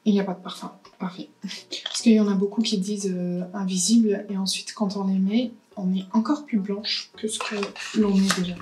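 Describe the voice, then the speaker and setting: A woman's voice: medium pitch, little pitch movement, normal speed, darkish tone, a little hiss or hum, low-quality recording. A woman, chatting casually through a beauty haul and unboxing, thinking aloud with lots of hesitations. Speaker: beauty vlogger.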